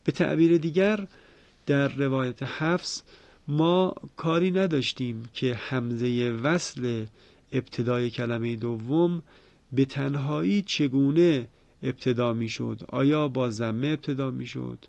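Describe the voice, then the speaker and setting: A man teaching the rules of Quran recitation in a formal lecture, explaining at a measured pace and slowing down to recite examples. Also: medium pitch, creaky, darkish tone, dry recording. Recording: dull dry lo-fi recording.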